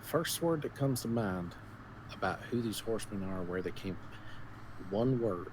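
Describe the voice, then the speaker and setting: A man plays a tabletop game in a lowish voice. He speaks casually, with banter, and there is clear noise in the recording. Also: expressive, measured pace.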